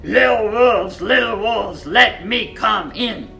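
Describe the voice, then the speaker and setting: Woman playing a loud, menacing big bad pig. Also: mid-range voice, takes it slowly, vocal fry, soft background music, heavily acted. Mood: menacing demand. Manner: loud, menacing, huffing delivery. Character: big bad pig, male, grunting bullying villain.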